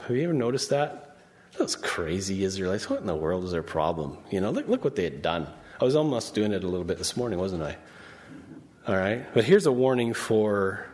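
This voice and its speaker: A male preacher giving a conversational sermon, often asking the congregation questions and reading verses aloud. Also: medium pitch. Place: church.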